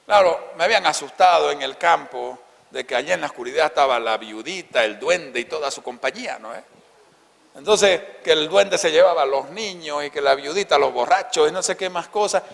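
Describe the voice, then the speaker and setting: A man in his fifties with a Santa Cruz Bolivian accent, preaching a sermon and telling a childhood story, often dropping to soft, hushed tones. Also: fairly high pitch, creaky, big-room sound. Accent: Bolivian Spanish, Santa Cruz. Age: 50s. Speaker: pastor. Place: church hall.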